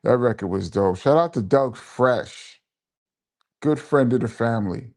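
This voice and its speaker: This live-stream DJ has a mid-range voice and a slightly slow pace. He reads out comments from viewers, sends shout-outs, drifts into memories, and repeats phrases to stress them, all in a casual tone.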